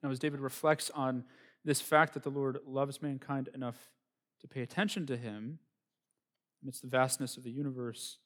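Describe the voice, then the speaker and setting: A man's voice: mid-range voice, fairly even intonation, moderate pace, a bit bright. Earnest man preaching a sermon. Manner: earnest, reflective preaching with rising emphasis. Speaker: pastor.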